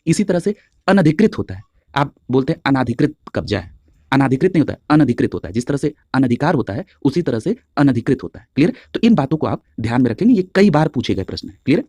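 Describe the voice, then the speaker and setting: A male teacher giving an exam-prep spelling lesson, spelling words out slowly letter by letter and checking in with "clear?" after nearly every point. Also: fairly high pitch, sing-song, warm tone, dry recording. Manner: drills each answer, checks with a constant "clear?".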